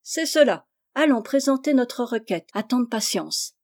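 Woman narrator doing a bright, eager orphan girl; lively and teasing, storybook read-aloud. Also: fairly high pitch, unhurried, voice pushed up. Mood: cheerful.

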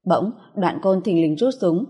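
Woman, audiobook narrator, steady, mellow, long reverb. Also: fairly low pitch, measured pace, breathy edge. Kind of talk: scripted narration.

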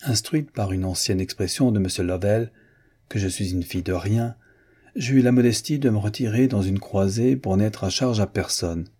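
Husky low-voiced male audiobook reader. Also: normal speed, mellow. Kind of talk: scripted narration of a classic novel.

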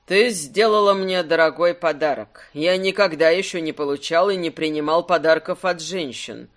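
Brief: man playing a laid-back, wry rogue for an audiobook, low and slow. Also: close to an everyday voice. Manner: calm, wry, low and unhurried. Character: easygoing, wry male rogue adventurer.

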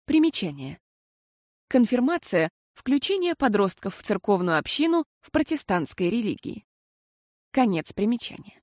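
A woman narrating a children's audiobook in an expressive, playful way. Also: mid-range voice, moderate pace, no echo, clean studio sound. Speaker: audiobook reader.

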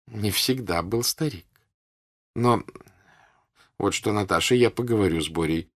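A husky-voiced man voicing a gentle older noblewoman and patient mother in an audiobook, speaking calmly and unhurriedly. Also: on the low side. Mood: gently reproving. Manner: calm, unhurried, gently reproving. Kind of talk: audiobook character voice.

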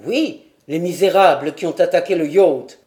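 Woman reader as a lordly gentleman, vehement and urgent, louder, lower, slow. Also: expressive. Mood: astonished. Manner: forceful, urgent questions. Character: commanding lord, agitated and vehement.

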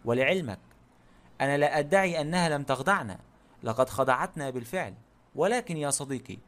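A man reading the lines of a blunt, sharp-tongued ailing noblewoman in an audiobook. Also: a little high, animated, fast.

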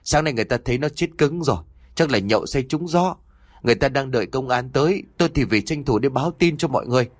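A man voicing a male neighbor who talks in a rushed, urgent way, in a spoken audio story. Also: medium pitch, lively intonation, dry recording, lightly acted. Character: hurried male neighbor bringing bad news.

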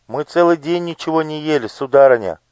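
A man's voice: a little high, a little fast, a little mellow, dry recording, voice pushed up, natural voice. A man voicing a timid, hungry little girl who pleads and chatters eagerly. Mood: explaining politely.

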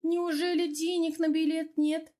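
A woman's voice: high-pitched, a little slow, darkish tone, voice pushed up. A woman voicing a sly, sarcastic female neighbor with a teasing manner in an audiobook. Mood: mocking. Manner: mocking, teasing.

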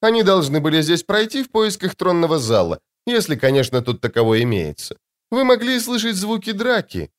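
A man's voice: sits high, sing-song, a little fast, voice pushed up. A man putting on a vain, airy beauty. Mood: airy, coy. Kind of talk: audiobook narration.

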